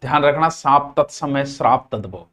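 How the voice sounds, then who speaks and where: A man's voice: medium pitch, animated, moderate pace, a bit bright. A middle-aged man teaching a grammar class, repeating each word again and again and scolding students in a playful way. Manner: drills words by repeating them, playful scolding asides.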